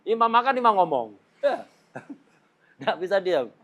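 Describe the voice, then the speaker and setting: Male religious teacher, middle-aged, slightly high voice, playful and laughing between points. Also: very animated, moderate pace, fairly bright tone, slight background noise. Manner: jokey, laughs often, mimics chatter. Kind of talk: Islamic law lesson.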